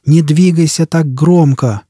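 A man's voice: a little high, mellow, slightly rough, dry recording, studio quality. A man voicing a tormented, half-mad burning man who drags out his words in strained cries in an audiobook. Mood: tormented, slow. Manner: slow, drawn-out, strained cries.

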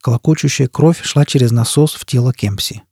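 A man reading an audiobook in a steady, measured way, his voice husky and mellow rather than bright. He is recorded close on a studio mic with a completely dry sound. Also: mid-range voice, dry recording. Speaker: audiobook narrator. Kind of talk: scripted narration.

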